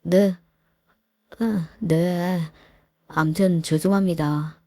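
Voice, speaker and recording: A woman's voice: fairly low pitch, steady tone, drawn-out words, mellow, no room sound, studio quality. A woman voicing a defensive, shiftless young husband who mumbles excuses in a storybook reading. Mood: sheepish. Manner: mumbling excuses, then snapping back.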